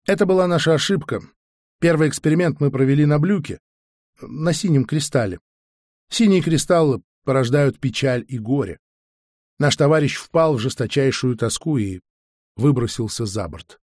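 A man's voice: mid-range voice, lively intonation, moderate pace, a little mellow, no room sound, clean studio sound, lightly acted. A man doing a haughty alien lecturer. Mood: lecturing. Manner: curt, lecturing. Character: haughty alien male researcher.

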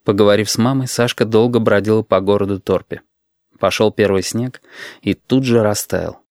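A man reading an audiobook in a measured, even storytelling manner. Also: fairly low pitch, dry recording. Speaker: audiobook narrator. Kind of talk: scripted narration.

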